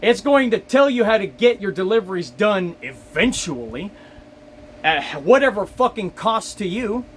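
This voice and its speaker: A man's voice: sits high, lively intonation, measured pace, slight background noise. A man, a delivery driver, talking to camera in a casual, exasperated, profanity-heavy rant. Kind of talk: casual ranting monologue.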